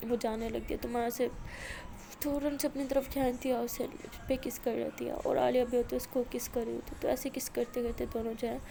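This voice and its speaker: High gravelly woman telling a story. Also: flat delivery, mellow, a little hiss or hum. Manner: plain, flowing retelling with hesitant fillers. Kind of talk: casual spoken story narration.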